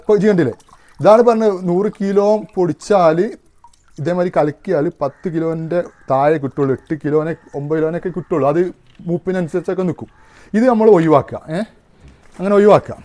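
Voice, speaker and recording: Man, high voice, casual hands-on demonstration, patient step-by-step explaining. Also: fairly quick, mellow. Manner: explains step by step, keeps asking if you understand. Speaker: home arrowroot powder maker demonstrating.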